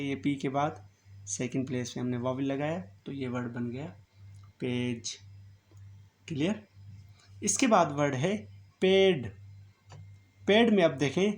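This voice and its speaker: A man teaching shorthand step by step, patiently repeating each point and checking "clear?" after every word. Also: mid-range voice. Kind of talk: step-by-step classroom instruction.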